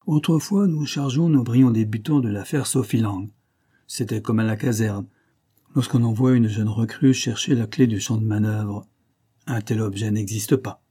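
A man voicing a gruff, boastful aging police commissioner in an audiobook, speaking raised and emphatic with a sardonic edge. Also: fairly low pitch, normal speed, warm tone.

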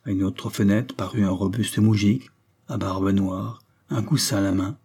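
A man reading a literary audiobook with measured, grave storytelling. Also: lowish voice, steady tone, mellow, husky. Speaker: audiobook narrator.

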